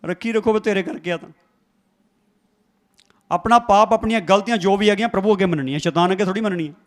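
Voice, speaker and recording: A man with a high voice delivers a sermon in a church. He preaches with emphatic force, repeating key phrases and calling on the congregation to respond aloud. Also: fast.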